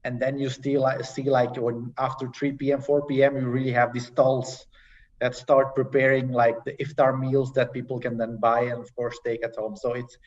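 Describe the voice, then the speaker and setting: A young man sharing his experience as a panel guest in a casual, halting way, with many fillers and restarts, over a video call. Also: medium pitch, flat delivery, darkish tone. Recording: dull distant video-call audio.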